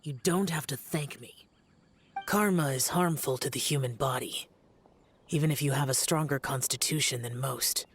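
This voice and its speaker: A man with a husky, fairly bright mid-range voice, speaking at normal speed, voices a stern, aloof young immortal demon slayer in a video game. His lines are terse and solemn, with a brooding mood, and faint music plays behind him.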